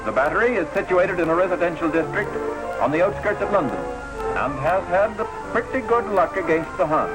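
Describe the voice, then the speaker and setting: On an old film soundtrack, a man reads scripted 1940s newsreel narration in a formal, patriotic announcer style, with loud newsreel music behind him. His voice sits high, sounds expressive, and moves fairly quickly, and the recording is rough.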